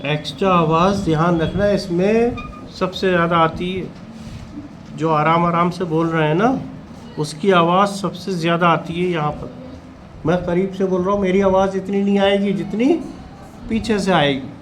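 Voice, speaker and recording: A high-voiced male teacher talks slowly and unhurriedly in a classroom, keeping watch over students during a test. He coaxes them gently and calls them by name, and a faint hum of the room stays in the background. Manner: calm, coaxing, addresses students by name.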